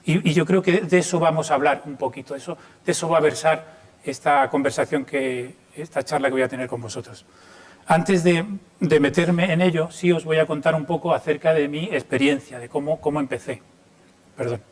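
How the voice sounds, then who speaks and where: Man, 50s, from Chile, lecturer, slightly higher voice, halting, thinks aloud with many fillers. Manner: hesitant, many fillers and restarts. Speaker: lighting designer giving a talk. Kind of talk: informal lecture to students.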